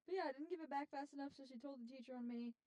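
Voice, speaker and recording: High-voiced, bubbly young woman. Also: rapid-fire, darkish tone. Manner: giggly, chiming in with short remarks. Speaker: student podcast co-host. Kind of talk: casual chat.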